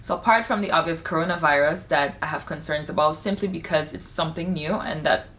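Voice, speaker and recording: Chatty woman, slightly low voice. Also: a little fast, a bit bright, recorded from a distance. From Saint Vincent and the Grenadines. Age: late 20s. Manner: candid, chatty, emphatic. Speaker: vlogger. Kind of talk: casual talk to camera. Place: home in Hong Kong, bathroom.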